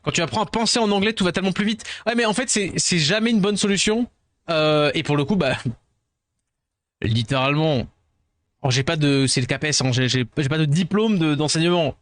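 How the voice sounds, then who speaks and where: Tired French streamer, higher voice. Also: male voice, brisk, a bit bright, no room sound. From France. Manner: rambling, self-deprecating, mixes in English words. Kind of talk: casual chat with viewers.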